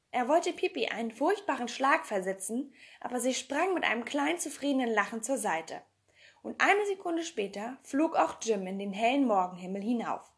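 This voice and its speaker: Woman reading a storybook aloud. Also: on the high side. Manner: steady storytelling, occasional slips. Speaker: reader. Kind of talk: audiobook narration.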